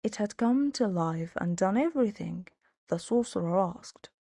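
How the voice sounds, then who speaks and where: A woman narrating a children's storybook in an expressive, measured way on a close mic. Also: medium pitch, creaky, no echo.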